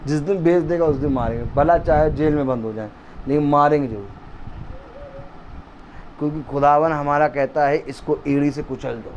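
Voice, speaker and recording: A man preaching a fiery sermon at a home gathering, shouting and repeating lines for emphasis. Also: on the high side, normal speed, lo-fi sound, a little hiss or hum.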